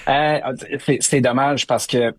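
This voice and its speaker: A man's voice: mid-range voice, fairly even intonation, slow, dry recording, clean studio sound. A man with a Québécois accent giving casual, conversational soccer analysis as a guest pundit.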